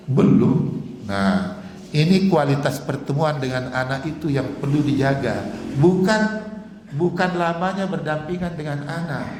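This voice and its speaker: A man preaching a lively sermon, animated and chuckling, asking his listeners rhetorical questions. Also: a little high, slight background noise. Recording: echoey hall, long reverb, faint ambience.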